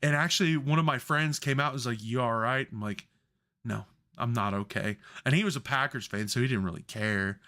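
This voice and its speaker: A man with a bright, forceful voice co-hosts a casual sports podcast. He tells worked-up, profanity-laced stories and talks loosely about football. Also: medium pitch, a little fast. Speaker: podcast co-host.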